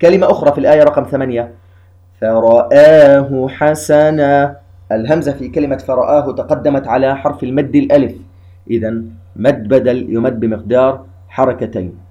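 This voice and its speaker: A man gives a patient, methodical lesson with a mellow, warm tone. His pitch sits in the middle range, and he walks through each step and repeats it carefully. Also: fast talker, lo-fi sound. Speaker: Quran recitation rules teacher. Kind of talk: slow explanatory lesson.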